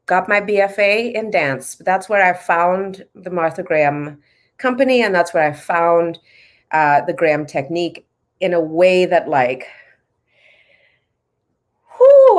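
Animated woman from Trinidad. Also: lowish voice. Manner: animated, playful storytelling with laughs. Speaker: guest, dance professor. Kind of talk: casual interview.

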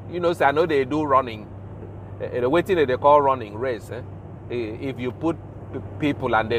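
A man with a notably high voice and a Nigerian accent delivers an informal rant as a show host. He speaks haltingly and emphatically, often repeating himself. There is faint noise behind him, like urban or vehicle ambience. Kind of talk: informal spoken rant in Pidgin.

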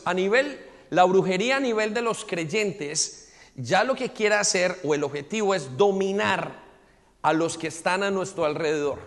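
A man's voice: sits high, big-room sound. A man preaching a teaching sermon, emphatic, asking listeners to repeat after him and take notes.

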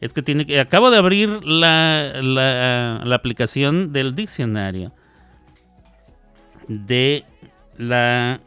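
A man's voice: mid-range voice, expressive, takes it slowly, long pauses, pushed and bright, clean tone, dry recording, faint music behind. A Mexican man in his fifties hosting a radio show, rambling and playful in casual chat, correcting himself as he goes. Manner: chatty, digressive, playful, self-correcting. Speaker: radio host. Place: radio studio.

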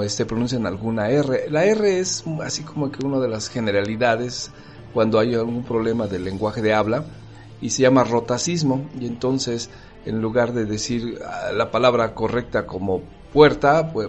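A man talks straight to the listener in a lively, conversational way. His voice sits in a middle range and keeps asking rhetorical questions. Faint music plays underneath. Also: mid-range voice. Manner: animated, rhetorical questions, acts out dialogues. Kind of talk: casual talk to the listener.

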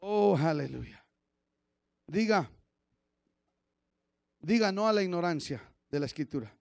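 High-pitched gravelly pastor preaching. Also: male voice, animated, unhurried, dry recording, clean studio sound. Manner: swings from low murmurs to shouted exhortation, calls listeners "hermano". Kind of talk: fiery Pentecostal-style sermon.

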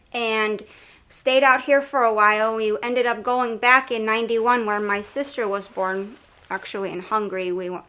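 A woman's voice: mid-range voice, bright, forceful tone. Young woman, from Romania, podcast guest, casual storytelling, fillers like "like". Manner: conversational, lots of "like" and self-corrections. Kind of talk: casual personal testimony.

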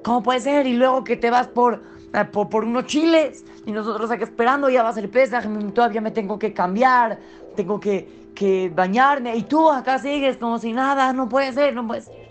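A storyteller voicing an impatient rich man who shouts at someone holding up a checkout line. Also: mid-range voice, close to an everyday voice. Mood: furious. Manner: yelling, indignant, rapid.

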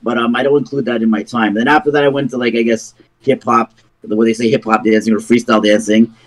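A man's voice: medium pitch, flat delivery, fast talker. A man, telling stories as a podcast guest in an informal, rambling way. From Toronto, Canada. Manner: rambling, informal, checks in with "you know what I mean". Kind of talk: casual conversational storytelling.

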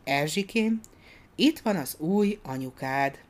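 A woman reading the lines of a kind, calm father who speaks softly. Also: sits low. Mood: gentle. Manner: calm, warm, soft-spoken. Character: kindly, gently serious father.

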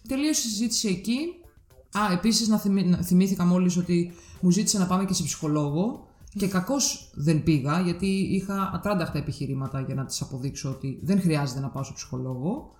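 A woman in her thirties telling a personal story in casual podcast chat, candid and animated when she quotes others. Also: lowish voice, echoey room, faint music behind. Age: 30s.

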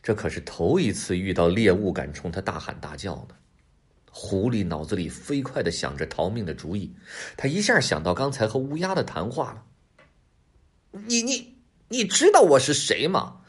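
Animated storyteller for children, husky man, very lively tone. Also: low voice, fairly quick. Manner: lively, expressive, talks to kids directly.

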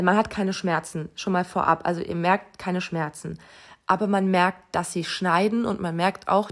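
A young woman, a new mother, telling her birth story in a casual vlog, emotional and often dropping to a soft hush. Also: mid-range voice.

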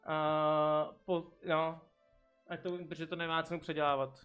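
A man's voice: fairly high pitch, level tone, clean tone, phone-quality sound, soft background music. A man playing in an online tabletop game, chatty and joking, playfully poking at the logic of the story. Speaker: player. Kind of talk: casual chat during an online game.

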